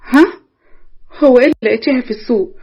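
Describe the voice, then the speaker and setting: A woman voicing an excitable older Egyptian mother, desperate to marry off her son, who talks in shrill, breathless bursts. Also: very fast, husky, lo-fi sound. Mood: incredulous.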